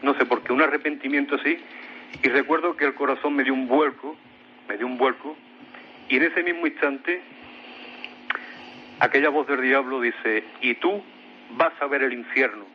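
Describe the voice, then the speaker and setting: As a radio mystery show guest, a Spanish-accented man from Spain tells of a paranormal experience he lived through, with frequent hesitations and repeated words. His medium-pitched voice runs at a moderate pace, pausing often. The audio is muffled, with a little hiss or hum.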